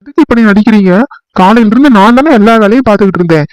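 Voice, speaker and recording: A quarrelsome young wife full of self-pity, put on by a man, firing off indignant complaints in a high voice. The sound is smooth and clear, recorded dry and close, as in a comedy skit. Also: expressive, dry recording, rough recording. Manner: indignant, complaining, rapid accusations.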